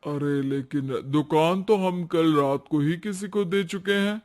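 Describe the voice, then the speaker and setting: A blunt shop landlord in a cartoon story brushes off a tenant in a matter-of-fact way, as a man acts him out. He talks slowly with a slightly raised voice. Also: fairly high pitch, darkish tone, close to an everyday voice. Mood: dismissive. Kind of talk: cartoon voice acting.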